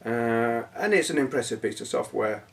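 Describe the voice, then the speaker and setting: A man with a hoarse, worn-out voice talks casually to camera for his gaming channel. He rambles and hesitates, mocking himself between thoughts. His voice sits at an ordinary pitch and sounds slightly distant from the mic. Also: moderate pace. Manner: rambling, self-deprecating, hesitant with fillers. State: hoarse, voice going. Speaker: YouTube gaming channel host.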